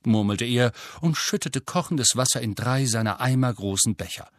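Guy reading an audiobook, mid pitch, husky, dead dry studio. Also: lively intonation, normal speed, dry recording. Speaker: audiobook narrator. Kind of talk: scripted narration.

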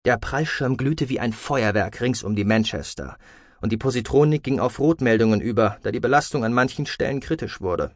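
A man narrating a science-fiction audiobook in a steady, measured storytelling manner. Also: mid-range voice, no room sound, clean studio sound.

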